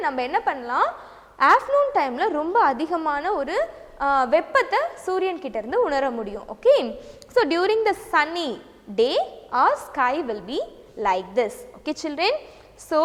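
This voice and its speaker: High-pitched South Indian Tamil woman teaching children. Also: sing-song, a bit bright. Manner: sing-song, drawn-out, checking with frequent questions. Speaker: kindergarten teacher. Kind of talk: lesson for young children, code-switching. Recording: long hollow reverberant echo.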